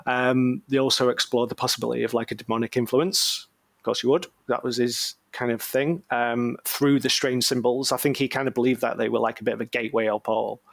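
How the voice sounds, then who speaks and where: A man's voice: mid-range voice, level tone, brisk, gravelly, no room sound. A man co-hosting a podcast and telling a case story in a rambling, slangy, jokey way, full of ums. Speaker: podcast co-host. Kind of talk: casual podcast chat.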